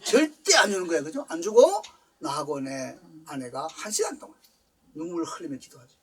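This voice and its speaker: Animated older man lecturing a church class. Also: on the high side, fairly quick, distant mic, a little hiss or hum. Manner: animated storyteller, mixes English phrases, acts out voices. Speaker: seminary professor lecturing. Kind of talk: lively church lecture with personal stories.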